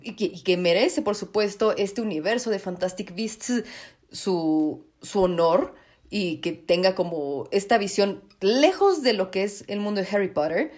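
A young woman with a Mexican accent ranting casually as a podcast host, swearing freely and swinging between indignant outbursts and low muttered asides. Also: measured pace, a little mellow. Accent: Mexican Spanish.

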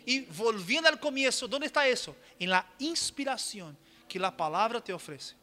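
A man's voice: very high-pitched, animated, normal speed. Man pastor preaching, cracks jokes then pushes hard, long hall echo. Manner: joking asides, rising to forceful exhortation. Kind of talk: sermon.

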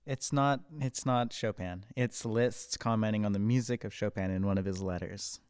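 A man with a smooth, resonant and slightly low voice talks in a relaxed, matter-of-fact way in a casual podcast chat. The sound is dry and close. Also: moderate pace, no room sound. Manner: reads quotes aloud, relaxed and matter-of-fact. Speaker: podcast co-host.

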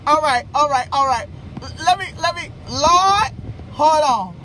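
A woman hosting a live stream, talking in an animated way with preachy asides and frequent laughter. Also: sits high, moderate pace. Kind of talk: casual live-stream talk. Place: hot room in Las Vegas. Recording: noisy live-stream audio.

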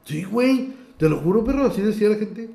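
A young man with a northern Mexican accent rambles through a casual story, his slightly higher voice dropping soft at the ends of phrases. He leans on slang constantly. The room behind him is echoey. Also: lively intonation, a little fast, creaky. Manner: slangy, drops "güey" constantly, trails off quietly.

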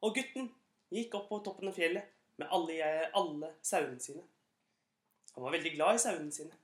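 A woman reading a children's fable aloud in an unhurried, gently expressive storytelling manner. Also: deep voice. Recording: echoey room.

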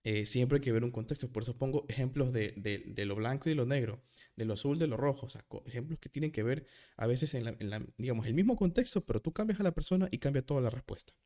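A man's voice: medium pitch, fast, mellow. A man hosting a casual solo psychology podcast, talking through examples, often stopping to rephrase himself. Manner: rambling, self-correcting, with examples; self-described nervous.

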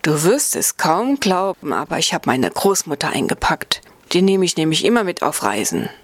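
A woman's voice: low voice, big pitch swings, moderate pace, dry recording. A cheerful, joking male marmot who loves his food and his fun, telling tall tales with a grin, as a woman reads him in a storybook. His voice sits up close and dry, with no room sound around it. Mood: teasing. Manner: playful, teasing, fond of food and fun. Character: jolly joking male alpine marmot from the Swiss mountains. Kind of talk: storybook reading.

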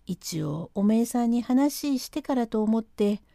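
A woman voicing an excitable rustic male servant who talks in thick country dialect, reading a classic comic storytelling text aloud. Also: on the high side, a little slow, vocal fry, no room sound, studio quality. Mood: urgent.

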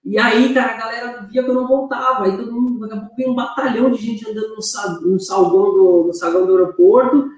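A man's voice: high voice, fairly even intonation, fast talker, hardly any pauses. A young Brazilian man with a Brazilian Portuguese accent, telling a story as a guest in casual chat, chatty and repeating words with slangy fillers. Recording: echoey room, far from the mic.

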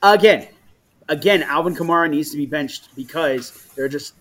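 Casual male co-host, a touch higher in pitch, quick to laugh, trips over names. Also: a bit bright. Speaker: fantasy football podcast co-host. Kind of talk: casual chat.

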